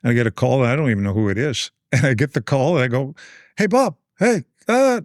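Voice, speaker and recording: A man in his sixties from Canada, a guest telling animated anecdotes in a casual interview and acting out other people's lines. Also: mid-range voice, racing, dry recording, clean studio sound.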